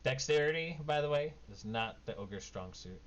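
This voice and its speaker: A man's voice: medium pitch, animated, normal speed. A man narrating as game master of a tabletop game, in a casual, informal way. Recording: dull lo-fi mic, background noise.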